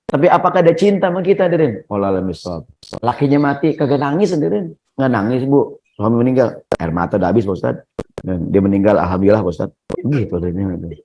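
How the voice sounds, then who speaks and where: A man's voice: on the low side, darkish tone, low-quality recording. A man giving a conversational sermon in a mosque. He keeps turning to the congregation with questions and often addresses them directly. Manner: conversational, keeps asking the audience "ya nggak?"; often addresses listeners as "hadirin". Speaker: preacher. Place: mosque hall.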